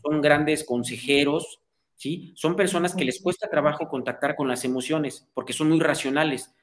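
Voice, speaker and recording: A man, a guest psychologist, lays out his ideas in a didactic, explanatory way. He often checks for agreement with a quick "¿sí?" and uses everyday fillers. His voice sits slightly high for a man. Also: crowd noise. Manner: didactic, asks "¿sí?" for agreement, acts out quoted people. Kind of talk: explanatory interview talk.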